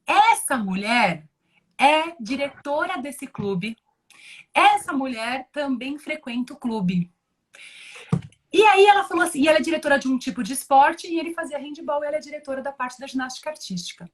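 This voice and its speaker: Speaking at normal speed in a high-pitched, animated voice, a Brazilian woman gives an emotional religious testimony as a guest. Her Brazilian Portuguese accent comes through as she repeats words and restarts sentences in earnest conversation.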